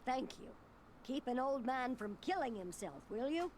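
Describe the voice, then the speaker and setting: A woman's voice: sits high, expressive, moderate pace, a little mellow, a little hiss or hum. An actress playing a worried, exasperated small-town woman in a video game, scolding. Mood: exasperated, pleading. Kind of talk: video game character acting.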